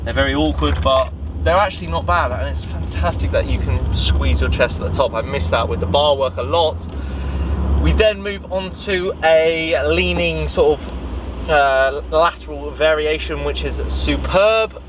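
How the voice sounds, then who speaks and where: A man's voice: a little high, a little slow, noisy background. A man chatting casually to his camera as a fitness vlogger, upbeat and loose, with plenty of fillers. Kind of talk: casual vlog chat. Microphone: handheld camera.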